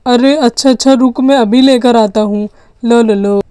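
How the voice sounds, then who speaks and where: A woman's voice: fairly high pitch, moderate pace, clear, resonant tone, no room sound, close to an everyday voice. A woman doing an eager hungry little boy. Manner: eager, excitable kid talk. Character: young boy, playful, always hungry. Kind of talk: doll story role-play.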